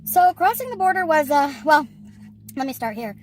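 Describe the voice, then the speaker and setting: A woman's voice: high voice, big pitch swings, moderate pace, a little hiss or hum. A woman chatting casually in an eating vlog, telling a story and giggling often as she talks. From Canada. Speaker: YouTuber.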